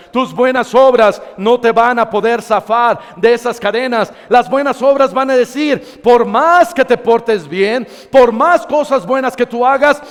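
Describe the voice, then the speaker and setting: A man's voice: very high-pitched, long reverb tail. A man preaching a sermon as pastor, acting out short dialogues with dramatic shifts.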